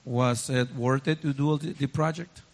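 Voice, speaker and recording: A man's voice: mid-range voice, steady tone, unhurried. A man interpreting a sermon live, following the preacher line by line with some hesitations. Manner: follows closely, with fillers and restarts.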